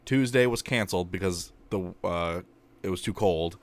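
This man, a podcast co-host, has a low voice and talks at an ordinary speed. In casual chat he tells rambling stories about everyday life, full of ums and likes, and laughs at himself along the way.

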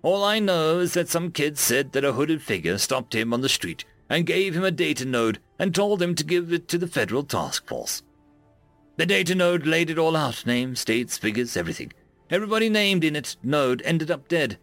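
A wry, uneasy trooper giving a dry report, as a male narrator puts him on. The voice is lively in pitch with a gravelly edge, read close and dry. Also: moderate pace, no room sound, faint music behind.

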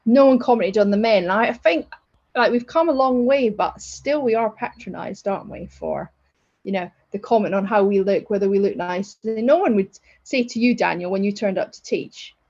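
A woman's voice: medium pitch, normal speed, a little mellow, breathy edge, dull audio. A woman co-hosting a podcast in a chatty, self-deprecating way, laughing often. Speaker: podcast co-host. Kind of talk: casual podcast chat.

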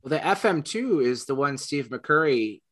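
A man's voice: mid-range voice, sing-song, moderate pace, a bit bright. A man in casual panel chat, knowledgeable and chatty, with lots of fillers. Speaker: podcast panelist.

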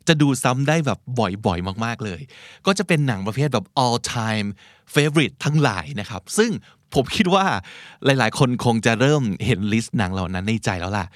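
A Thai man hosting a vocabulary lesson, explaining words in a chatty, unhurried way and acting out example lines. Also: mid-range voice, expressive, dry recording, studio quality. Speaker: podcast host teaching English vocabulary. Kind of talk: casual teaching monologue.

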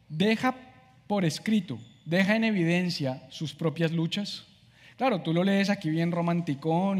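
A man's voice: a little high, darkish tone, long reverb tail. A man preaching a conversational sermon, acting out how he talks to himself. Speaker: pastor.

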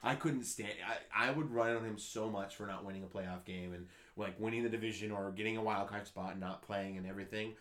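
New guy on a sports podcast, lowish voice, gets worked up and restarts a lot telling his story. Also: fairly quick, hardly any pauses. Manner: excitable storyteller, rambling with restarts. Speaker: podcast co-host. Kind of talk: casual sports chat.

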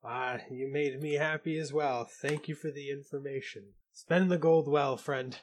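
A man's voice: mid-range voice, steady tone, unhurried. A man playing a tabletop game, casually speaking for his character and stating his actions. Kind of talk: casual in-character role-play.

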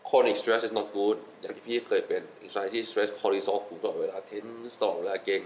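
Enthusiastic man with a lower voice. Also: fairly even intonation, measured pace, a little mellow, a little hiss or hum, low-quality recording. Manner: enthusiastic, laughs often, repeats words. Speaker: wellness guest. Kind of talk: casual interview chat mixing English.

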